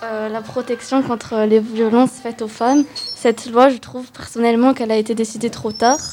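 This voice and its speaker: A woman's voice: a little high, level tone, moderate pace, dark tone. A woman guest on a radio discussion giving her view earnestly, with restarts and fillers.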